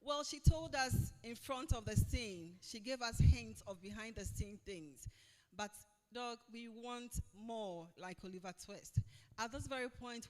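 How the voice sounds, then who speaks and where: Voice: mid-range voice, long reverb tail. A moderator running a live fireside chat, upbeat and playful, speaking straight to the audience. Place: event hall.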